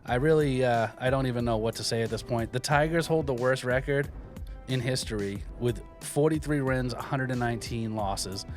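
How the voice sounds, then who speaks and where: Male podcast host, mid-pitched, casual sports banter, light music bed. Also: moderate pace. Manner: jokey, informal.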